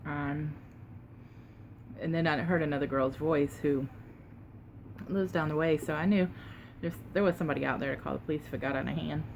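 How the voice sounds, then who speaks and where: A woman tells a casual, unhurried story while eating, pausing to chew and sometimes talking with her mouth full, with emphatic retelling. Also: sits low, fairly even intonation, gravelly, noisy background. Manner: unhurried, conversational, emphatic retelling with quoted exchanges. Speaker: mukbang vlogger.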